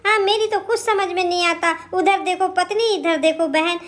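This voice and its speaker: A woman's voice: very high voice, steady tone, normal speed, a bit bright. A woman voicing a helpless elder brother in a doll drama, torn between his wife and sister, lamenting and lecturing.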